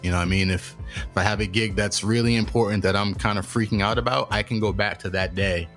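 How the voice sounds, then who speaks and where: Low-voiced man telling stories, casual and profane. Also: quick pace, faint music behind. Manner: casual, profane, animated storytelling. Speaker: podcast host. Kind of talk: casual podcast chat.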